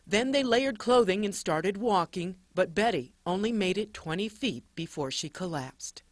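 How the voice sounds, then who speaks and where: A woman's voice: mid-range voice, animated, normal speed, dry recording. A woman working as a television reporter, narrating a scripted news package.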